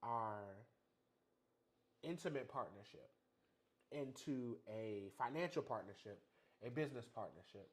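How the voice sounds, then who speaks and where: A man co-hosting a podcast about marriage, talking in an easy, unscripted way. His voice sits at an ordinary pitch. He doubles back on words while working out a point. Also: measured pace, pauses often. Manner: animated storyteller, repeats words while thinking. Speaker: podcast co-host. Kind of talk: casual chat.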